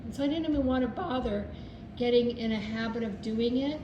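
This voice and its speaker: A woman's voice: a little high, a little fast, dull audio. Older female group member sharing informally, meandering and earnest, in a noisy room with echo. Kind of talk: informal personal testimony. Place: echoey room, speaking to a group. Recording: echoey room with clear background noise.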